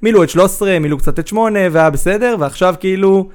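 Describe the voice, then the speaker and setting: A man, a sports journalist co-hosting a casual podcast, telling relaxed stories with many fillers. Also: high voice, clear, resonant tone. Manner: relaxed, anecdotal, with frequent fillers.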